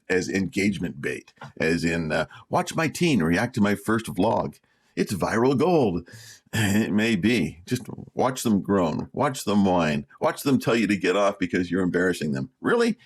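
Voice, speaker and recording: A man with a fairly low voice that swings widely in pitch, talking straight to camera in a vlog. He encourages and teases by turns, driving points home by repeating them. The delivery is plain and conversational. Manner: encouraging, repeats key phrases for emphasis; plainspoken, teasing rhetorical questions. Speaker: vlog host. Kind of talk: motivational talk to camera.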